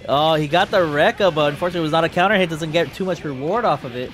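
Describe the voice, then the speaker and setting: A man's voice: fairly high pitch, over music. Man calling fighting game play-by-play. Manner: fast play-by-play, bursts of excitement at big moments. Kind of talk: live esports play-by-play commentary.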